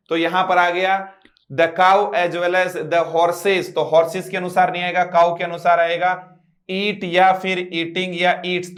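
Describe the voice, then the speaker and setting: A man with a Rajasthani Hindi accent teaching English grammar, reading example sentences slowly and drilling his students with frequent check-ins. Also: high-pitched, a bit bright. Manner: drills students, repeats "ठीक है" and "मित्रों". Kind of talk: classroom lesson.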